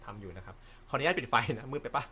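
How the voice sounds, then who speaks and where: A man hosting a casual live stream from an indoor room, reading viewer comments in a relaxed, chatty way with frequent light laughter and apologetic asides. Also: medium pitch, fast talker, slight background noise. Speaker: host.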